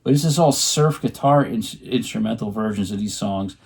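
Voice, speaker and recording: A man co-hosting from home chats casually while showing off records he bought, rambling with plenty of ums and restarts. His voice is lowish, gravelly, slightly rough and a little mellow, at a normal speed.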